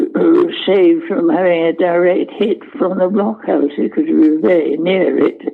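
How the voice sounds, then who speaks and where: An elderly man, a war veteran, remembering in an interview in a halting, understated, matter-of-fact way with searching pauses. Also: a little high, gravelly, slightly rough, narrow, tinny audio. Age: elderly, 90s. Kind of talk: unscripted interview reminiscence.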